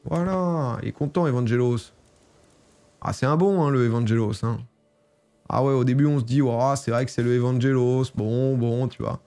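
At a normal pace and with a mellow mid-range voice, a streamer casually comments as he plays a strategy game, chatting and reading in-game text out loud in a relaxed let's-play.

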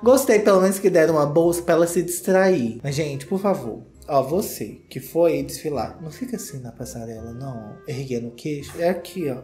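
A man's voice: on the high side, animated, fairly quick, few pauses, darkish tone, echoey room, faint music behind. A man with a Brazilian Portuguese accent giving campy, theatrical comedic commentary on fashion runway walks, breaking into shrieks and exclamations. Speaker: YouTuber host.

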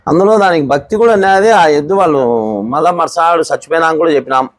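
Fast-talking man. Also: on the high side. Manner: rapid rural storytelling, re-enacts quoted speech. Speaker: bull owner and farmer. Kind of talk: storytelling in an interview.

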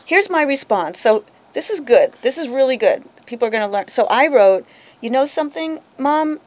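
Animated woman hosting a radio chat. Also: high-pitched. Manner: animated storyteller, quick to vent. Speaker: radio show host. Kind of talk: casual chat.

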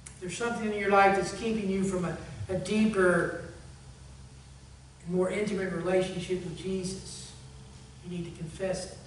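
Pastor preaching in an echoey church. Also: male voice, sits high, level tone, normal speed, long pauses. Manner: conversational storytelling, earnest appeal, fading to hushed prayer. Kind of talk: sermon. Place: church sanctuary. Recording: echoey church hall, far from mic, faint hum.

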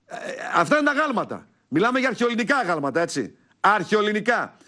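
A man hosting his own TV show, heatedly ranting and shouting at viewers, then pitching products to buy. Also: big pitch swings. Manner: angry, shouting, insulting. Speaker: TV show host. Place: TV studio.

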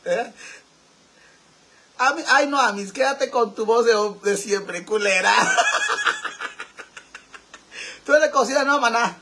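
A man's voice: very high voice, measured pace, noisy background. A man with a Mexican accent hosting a casual livestream, flamboyant and campy as he answers viewer comments and laughs often. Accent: Mexican Spanish.

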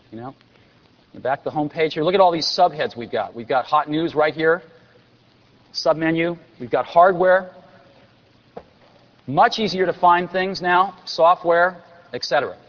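A man in his forties giving an enthusiastic product keynote on a large convention stage, with dry sarcastic asides. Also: a little high. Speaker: company executive presenting on stage. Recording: dull lo-fi recording with long hall reverb.

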